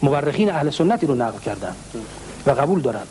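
Mellow-voiced man clearing his throat. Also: a little high, sing-song, slight background noise, low-quality recording. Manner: slows down to recite Arabic quotations. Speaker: religious scholar answering a question. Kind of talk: explanatory talk retelling historical accounts.

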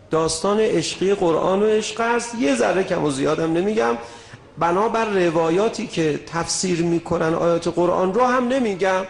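A man preaching a sermon with passion, dropping to a hush and then rising to shouts. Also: on the high side. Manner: impassioned, swings from hushed to shouting. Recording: roomy echo.

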